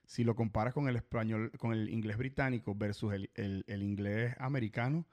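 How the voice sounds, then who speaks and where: A man's voice: lowish voice, moderate pace. Slangy Venezuelan man in casual chat. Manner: relaxed, slangy, chatty. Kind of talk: casual conversation.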